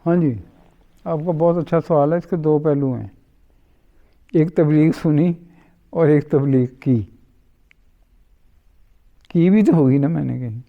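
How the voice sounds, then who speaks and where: A man's voice: on the high side, creaky, long pauses. A middle-aged man, an interview guest who tells his stories unhurriedly and acts out the other people's lines in dialogue. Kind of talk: storytelling in conversation. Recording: dull lo-fi recording.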